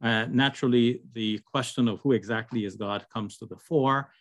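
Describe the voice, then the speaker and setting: A man's voice: medium pitch, fairly even intonation, moderate pace, no room sound. An older man from Guyana speaking as an interview guest over a video call, hesitant and full of fillers. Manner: hesitant, many fillers and restarts. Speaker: guest, Islamic scholar.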